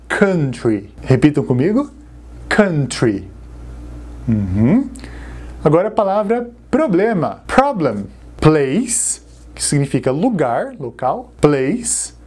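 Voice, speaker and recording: A Brazilian woman teaches a beginners' English lesson in a Brazilian Portuguese accent. Her voice is low and mellow, with a lively, swooping pitch. She slows right down on the example words so learners can repeat after her. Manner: slow, drawn-out model words for learners to repeat.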